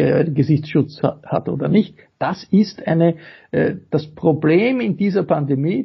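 A man speaking as a guest in a political interview, halting, with many fillers and restarts. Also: a little high, gravelly, slightly rough. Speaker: guest journalist. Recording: dull lo-fi audio.

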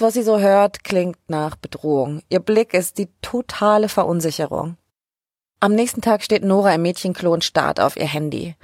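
Husky woman recapping a show. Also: medium pitch, darkish tone, no echo, clean studio sound. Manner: chatty and colloquial, with wry asides. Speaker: series recap host. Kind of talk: casual episode recap narration.

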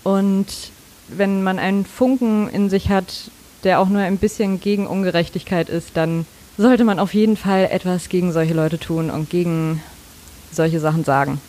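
A woman's voice: lowish voice, fairly even intonation, moderate pace, dark tone. Earnest woman in a casual podcast chat. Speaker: podcast co-host.

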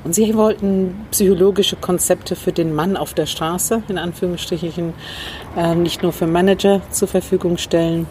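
Speaking with a lowish, dark voice and fairly even intonation, a Northern Irish woman who trains people in communication tells reflective stories about her past during an interview. Pauses and fillers mark her speech. Faint traffic and a passing train drift up to the city rooftop terrace where she sits outdoors.

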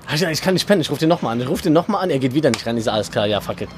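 A young man rambles through a story in casual podcast chat, stacking fillers and acting out what people said. His voice sits at an ordinary middle pitch. Faint traffic noise hums from outside. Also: lively intonation, racing. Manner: rambling, acts out quoted dialogue, many fillers. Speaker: podcast co-host.

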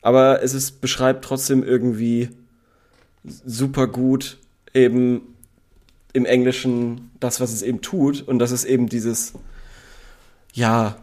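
A man of average pitch talks casually with a co-host, circling his points with plenty of fillers. He sometimes speeds up into quick bursts before slowing to search for the next word. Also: flat delivery, a little mellow. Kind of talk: casual chat.

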